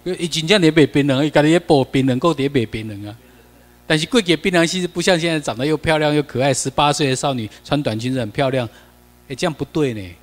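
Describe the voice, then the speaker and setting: A man's voice: a little high, quick pace, long reverb tail. A man with a Taiwanese accent giving a classroom lecture over slides. He talks in a chatty way, mixes in Taiwanese phrases and keeps asking the class questions.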